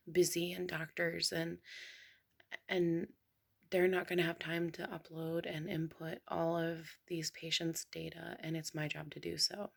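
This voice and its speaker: Young woman vlogger, low gravelly husky voice, hushed half-whisper, rambling casual chat. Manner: hushed, half whispering so as not to wake someone; rambling with many fillers and restarts. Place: home, early morning.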